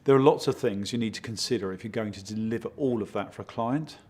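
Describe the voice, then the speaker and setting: A man working as a project consultant, giving steady, explanatory interview answers and leaning on key words. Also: fairly low pitch, fast talker, slight background noise. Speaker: project consultant for a home design firm.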